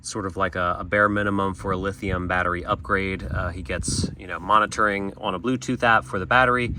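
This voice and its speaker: A man casually walking through an installation job he did, talking in a relaxed way with frequent fillers. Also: low voice, fairly quick, background noise.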